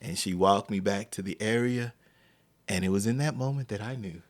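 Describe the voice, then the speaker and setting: A man's voice: on the low side, moderate pace. A man hosting a podcast, telling a personal story and acting out the quotes. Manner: animated, acts out quotes. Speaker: podcast host.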